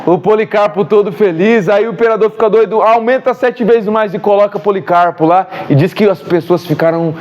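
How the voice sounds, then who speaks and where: A man's voice: high voice, a little fast, few pauses, muffled recording. A man with a Brazilian Portuguese accent teaching a church Bible class, telling stories animatedly and acting out the dialogue. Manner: animated storyteller, acts out dialogue.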